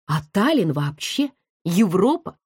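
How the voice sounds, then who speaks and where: A woman's voice: lowish voice, very animated, unhurried, a little mellow, breathy edge, no room sound, clean studio sound, heavily acted. A woman voicing a brash, gossipy young female student who talks bluntly in chatty, teasing slang, as a character voice in an audiobook.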